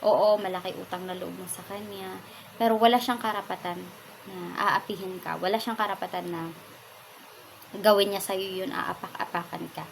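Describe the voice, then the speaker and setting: Soft-spoken Filipina sharing a story. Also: female voice, medium pitch, steady tone, creaky, a little hiss or hum, poor audio. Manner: soft-spoken, pauses often with fillers. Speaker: vlogger. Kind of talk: casual personal testimony.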